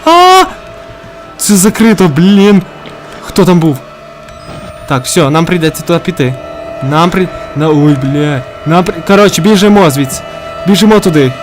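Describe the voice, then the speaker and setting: This let's play features a gamer commentating a horror game over music, his fairly high voice at a normal speed. He's jumpy, swears nonstop, and yelps whenever something startles him.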